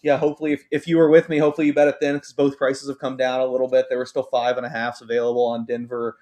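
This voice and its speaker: A man's voice: medium pitch, little pitch movement, racing, a little mellow. A man in a middle register talks through betting lines on a sports show. He hedges his way along, filling gaps with ums and repeating words as he thinks. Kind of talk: casual sports talk.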